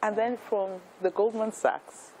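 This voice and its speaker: A woman's voice: medium pitch, steady tone, a little slow, darkish tone, a little hiss or hum, rough recording. A Nigerian woman in her fifties, a talk show guest telling her life story in an earnest, emphatic way, with frequent restarts. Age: 50s.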